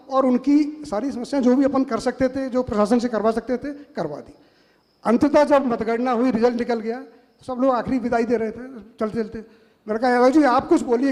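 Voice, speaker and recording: A man's voice: high voice, a little mellow. A middle-aged man speaking on a panel, with a Madhya Pradesh Hindi accent, telling stories and acting out the voices of the people in them. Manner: anecdotal, quotes others in dialogue. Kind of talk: storytelling talk to an audience. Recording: hall reverb.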